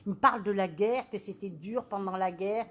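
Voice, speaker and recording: A woman working as a medium, giving a live reading with animated, questioning speech and a habit of repeating phrases. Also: medium pitch, moderate pace.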